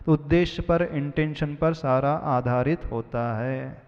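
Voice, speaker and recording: A man with a high voice answers a question in a sermon, emphatic and full of rhetorical questions. The sound is dull and lo-fi, with a long echo from the hall. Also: a little slow, darkish tone, clear, resonant tone.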